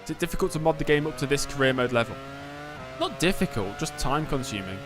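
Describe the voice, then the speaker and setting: A man's voice: medium pitch, animated, fast, music in the background. A man live-streaming a game, giving casual commentary, replying to chat and muttering to himself.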